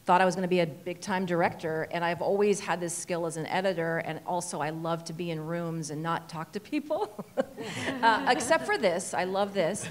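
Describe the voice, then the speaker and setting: A woman's voice: on the low side, normal speed. A middle-aged woman from Iraq speaking on a convention panel into a handheld mic, playful with laughing asides. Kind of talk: panel talk. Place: stage in a convention hall.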